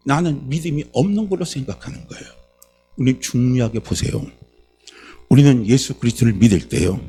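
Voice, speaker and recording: A man's voice: mid-range voice, warm tone, a little hiss or hum. A man preaching a sermon as pastor, fervent, repeating phrases and calling out questions to the congregation.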